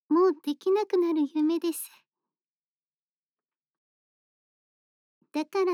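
A woman voices a shy, bookish young woman in a bedtime audio drama. Her voice is very high and mellow, recorded close and dry. She speaks politely and earnestly, measuring out each thought with gentle hesitation. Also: dry recording. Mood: wistful, subdued. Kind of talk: soft bedtime voice-acted role-play, intimate monologue.

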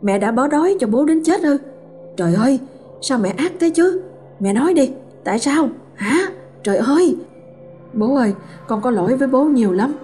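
Anguished son, voiced by a woman: high, cracking disbelief, storybook drama, faint music. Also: expressive, normal speed, mellow. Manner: crying out in disbelief. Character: anguished grown son, heartbroken and accusing.

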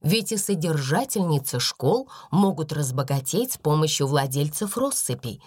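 A woman narrating a classic story aloud in an expressive storytelling manner. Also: low voice, normal speed, slightly rough, no room sound, studio quality. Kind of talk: audiobook narration.

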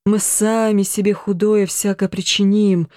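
A woman reading an audiobook, voicing a weary old noble mother who slowly laments her family's troubles. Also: mid-range voice, little pitch movement, mellow, no echo, studio quality, natural voice. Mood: lamenting. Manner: mournful, slow complaining.

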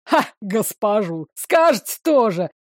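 A woman voicing a gruff, mocking male city guard who talks slowly and tauntingly. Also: medium pitch, very animated, dry recording, clean studio sound. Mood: menacing. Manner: sneering, slow and taunting.

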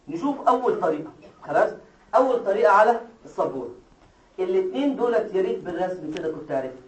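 A man with an Egyptian Arabic accent giving a classroom lecture, explaining step by step and quizzing his students with quick questions. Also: high-pitched, far from the mic. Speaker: medical lecturer. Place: lecture hall. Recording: echoey hall, taped from afar.

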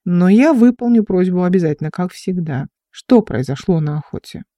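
Brief: reader voicing an injured young officer, teasing, dark mellow tone. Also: medium pitch, animated, normal speed, dry recording, studio quality, close to an everyday voice. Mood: coaxing.

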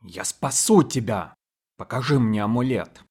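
A man voicing a frantic, shrill old male sorcerer. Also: animated, unhurried, darkish tone, slightly rough. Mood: urgent. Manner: shrill, triumphant.

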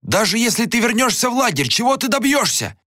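A man's voice: very animated, normal speed, breathy edge, dry recording, studio quality, heavily acted. A man doing a frantic pleading young friend. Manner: pleading, frantic, shrill when shouting. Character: anxious young man, the hero's loyal friend.

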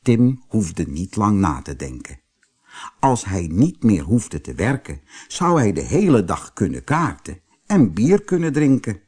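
A man reading a fairy tale audiobook as narrator, slow and very expressive. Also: on the low side, slightly rough.

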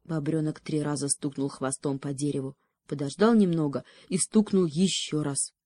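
Woman reading a kids' story, calm, lowish voice, dry close sound. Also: moderate pace, no echo. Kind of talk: reading a children's story aloud.

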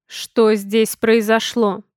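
A woman's voice: fairly high pitch, flat delivery, slow, dry recording, clean studio sound. A woman voicing a stern, powerful male mage who speaks in clipped, cold commands.

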